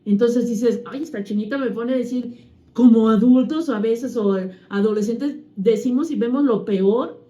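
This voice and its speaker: A woman's voice: a little high, moderate pace, dark tone. A woman, co-hosting a casual chat as a mother and teacher, telling anecdotes with a moral. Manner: conversational storyteller who tells anecdotes with a moral.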